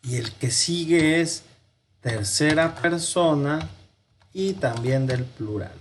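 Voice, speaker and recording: Male Latin teacher, slightly high voice, slow deliberate delivery, faint typing in the background. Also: animated, a little hiss or hum. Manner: slow, repeats words for dictation, corrects himself aloud. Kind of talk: recorded class lesson.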